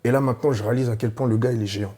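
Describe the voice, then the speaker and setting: A man giving his conversion testimony to a congregation, telling it dramatically and swinging from hushed words to loud cries. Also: medium pitch, steady tone, very fast.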